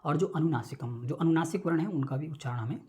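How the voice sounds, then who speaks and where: A man giving an online lecture, explaining each term slowly with many repetitions and check-ins. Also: a little high, mellow. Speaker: Sanskrit teacher.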